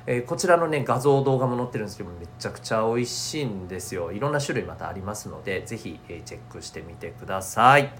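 A man's voice: on the low side, expressive, quick pace, hardly any pauses, a bit bright, slight background noise. A man with a nasal, stuffed-up voice hosting a chatty solo show for schoolchildren and parents, speaking in polite, upbeat presenter phrasing. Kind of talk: chatty solo podcast talk.

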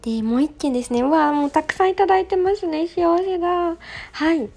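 A young woman hosting a casual solo radio talk, reading listener messages in a soft, gentle way with delighted thanks. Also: very high voice, fairly quick, gravelly. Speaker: radio show host.

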